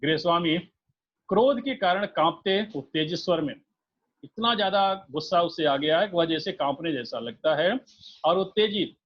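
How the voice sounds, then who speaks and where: Guy teacher going over a story line by line, paraphrasing everything, higher voice, muffled audio. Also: expressive, moderate pace. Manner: repeats and paraphrases each line to explain it. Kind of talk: reading and explaining a textbook story. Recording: dull lo-fi recording.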